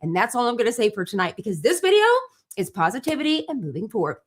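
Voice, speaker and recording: Speaking directly to viewers on a casual live stream, this middle-aged small business owner and host is bubbly and gushing, though worn out from barely sleeping. Her fairly high voice swings widely in pitch, moves quickly and has a slight rasp.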